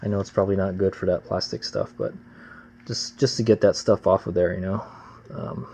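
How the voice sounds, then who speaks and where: A man talking casually and plainly like a gruff home mechanic while working at his bench, with slangy, unpolished asides. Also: sits low, steady tone, a little fast, a little mellow. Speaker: amateur motorcycle mechanic, vlog host. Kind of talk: casual hands-on workshop narration. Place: workbench, close to the camera. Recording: slightly dull, lo-fi camera audio.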